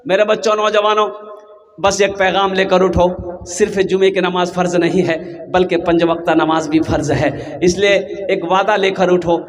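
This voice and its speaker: A man preaching an Islamic sermon at a mosque gathering, impassioned and rising to shouts, calling on the crowd to answer him. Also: sits high, flat delivery, moderate pace.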